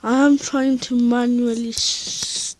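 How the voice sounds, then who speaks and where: A woman's voice: a little high, flat delivery, slow pace, darkish tone, slight background noise. A woman thinking aloud in casual gameplay commentary while flying a plane in a simulator at home. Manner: rambling, chatty, thinking aloud. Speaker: flight sim player. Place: at home, indoors.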